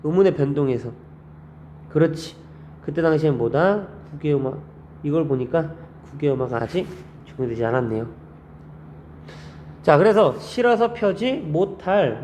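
A man teaching a class in a fairly high voice, firing rhetorical questions at his students and jumping up in pitch to stress key points. His delivery is lively and conversational, as in a classroom lecture. A faint background noise sits under the recording. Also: normal speed. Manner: lively, animated delivery with frequent pitch jumps. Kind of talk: classroom lecture on Korean grammar.

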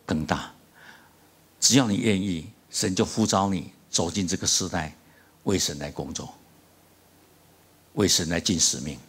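A man preaches a sermon in a church. His delivery is impassioned and pleading, and his pitch climbs sharply as he recounts a story. At other times it settles back into earnest calls to his listeners. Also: a little slow, pauses often, breathy edge. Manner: impassioned preaching, rising high and loud when telling a story. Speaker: pastor. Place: church sanctuary.

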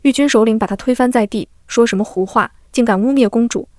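A woman reads a historical romance audiobook as scripted narration, in a fairly high voice and at a brisk, rapid pace. Every character comes out in the same even reading voice, and the recording is close and dry, with no room sound. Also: dry recording. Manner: reads all characters in one steady voice.

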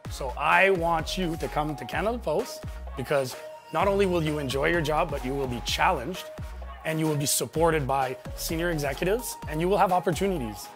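A man's voice: on the high side, a little fast. A man speaking persuasively about his workplace in a studio interview testimonial. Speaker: employee in a recruitment video. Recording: background music.

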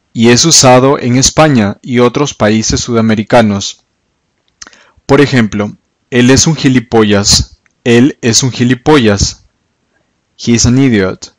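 A man teaching slang as a language teacher, repeating each word slowly and clearly before translating it. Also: medium pitch, dry recording. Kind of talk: slow, careful vocabulary lesson.

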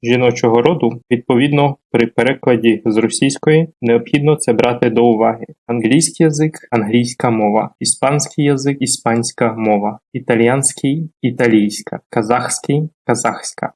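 A man, a language teacher, giving a formal, measured video lesson, reading out word pairs one by one. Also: medium pitch, darkish tone. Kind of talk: video lesson on grammar terms.

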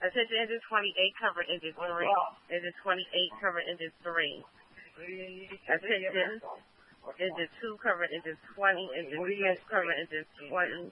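High-pitched male fire dispatcher over radio. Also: normal speed. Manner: procedural, repeats each call. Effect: two-way radio. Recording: dull lo-fi fire radio audio.

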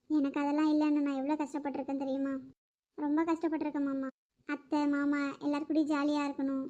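A woman voicing a grieving young niece who pleads tearfully with her uncle in an animated drama. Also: high-pitched, lo-fi sound, natural voice.

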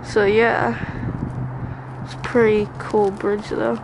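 A vlogger exploring ruins in the woods beside a river and bridge gives a casual, halting, unscripted walk-through. Their mid-range voice is delivered flatly, captured by a handheld camera mic with the operator behind it. The outdoor camera audio is noisy, with ambient sounds and passing vehicles.

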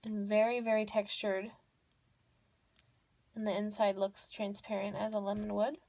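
Young woman, mid pitch, dry close sound; casual gushing show-and-tell narrator who doubles words for emphasis. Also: level tone, normal speed, gravelly, darkish tone, dry recording. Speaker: toy unboxing vlogger. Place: indoors at a table. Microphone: off-camera voice over hands-on tabletop close-up.

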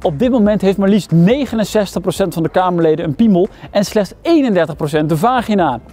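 Deadpan man interviewing on the street. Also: high-pitched, fast, soft background music. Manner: deadpan, absurd euphemisms. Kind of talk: street vox pop questions. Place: outdoors on a town street. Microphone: handheld mic. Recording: faint street noise.

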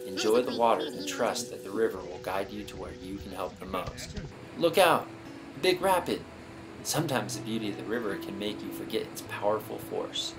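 Male narrator for an outdoor documentary, lowish voice, scripted delivery, clear guitar music underneath. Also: steady tone, fairly quick. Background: music with plucked guitar.

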